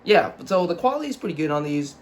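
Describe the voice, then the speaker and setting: A man's voice: a little high, big pitch swings, fast talker, a little hiss or hum. A young man speaking slightly slurred through braces, giving a casual, rambling, self-deprecating and sweary sneaker review in a home room. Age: young adult. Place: small home room with computer desk.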